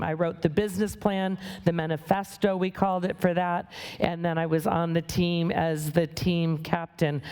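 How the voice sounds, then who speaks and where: A middle-aged woman from the United States giving a conference talk to an audience, brisk, wry and plain-spoken. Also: lowish voice, a little mellow, clear, resonant tone. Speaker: guest speaker. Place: conference hall.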